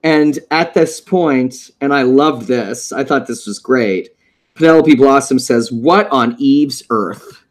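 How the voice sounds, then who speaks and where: A man's voice: medium pitch, a little slow. A man co-hosting a casual show recap, playful and jokey. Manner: playful, jokey, puts on silly voices. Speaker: podcast co-host.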